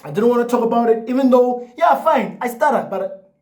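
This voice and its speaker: A young male vlogger talks casually to camera, his stutter causing repeated words and restarts, and his loose speech is packed with "like" and "you know." His voice is extremely high-pitched, a little mellow, with lively intonation and a slightly fast pace.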